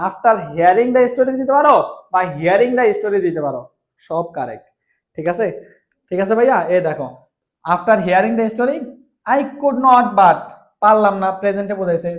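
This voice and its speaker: A man with a Bangladeshi Bengali accent teaching English grammar, spelling words letter by letter and often checking that his students follow. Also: high-pitched. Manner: calls students brother, asks if they follow. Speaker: English tutor. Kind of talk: online grammar lesson.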